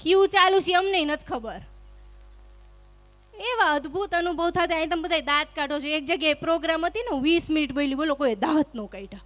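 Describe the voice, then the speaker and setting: High-voiced chatty woman comedian. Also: brisk, a bit bright, faint music behind. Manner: chatty, teasing, acts out dialogue. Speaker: stand-up comedian. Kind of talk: live stand-up storytelling. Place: stage before a live audience. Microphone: stage microphone.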